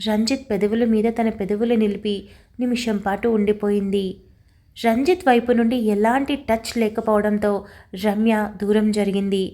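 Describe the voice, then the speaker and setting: A woman narrating a romantic audio story in a calm, even manner. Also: medium pitch.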